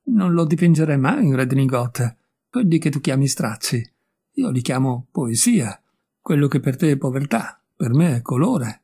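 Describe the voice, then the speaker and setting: A man performs an audiobook character voice, a witty, worldly young painter who speaks in a breezy, teasing way. His mid-range voice is warm and husky, with big pitch swings at a moderate pace, and the mood is amused.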